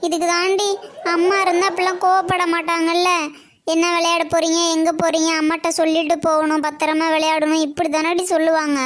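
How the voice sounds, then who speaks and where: A woman's voice: extremely high pitch, little pitch movement, fairly quick. A woman voicing Nisha, a chatty little cartoon girl who complains about her father. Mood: complaining. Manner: complaining, whiny. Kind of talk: cartoon comedy acting.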